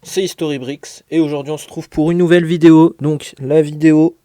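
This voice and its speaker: A man's voice: on the high side, fairly even intonation, brisk, mellow, dry recording. A man giving a casual unboxing commentary as a LEGO reviewer, hesitant and full of fillers, with a joking aside now and then. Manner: hesitant, many fillers, jokey.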